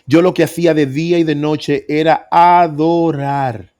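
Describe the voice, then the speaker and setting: A man's voice: fairly high pitch, fairly even intonation, unhurried, darkish tone. A middle-aged man preaching, telling his own story with earnest emphasis. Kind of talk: sermon testimony.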